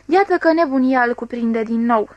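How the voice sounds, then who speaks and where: A woman reading aloud, voicing a calm, cunning male doctor who soothes a crowd and quietly advises a young man. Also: a little high, no echo, dull audio, close to an everyday voice. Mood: pitying.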